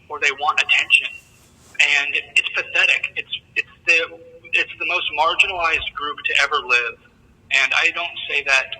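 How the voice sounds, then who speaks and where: A man's voice: mid-range voice, pushed and bright, breathy edge, long reverb tail. A man calling in on a jail phone line, talking in a fervent, preaching monologue. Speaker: interview guest. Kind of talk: impassioned commentary. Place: jail cell block.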